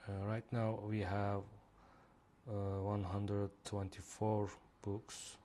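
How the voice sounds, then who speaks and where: A native Turkish speaker with a Turkish accent demos the reading app he created in a screen recording, hesitating often and using many fillers. His voice is low, mellow and monotone, and he takes it slowly over slight background noise.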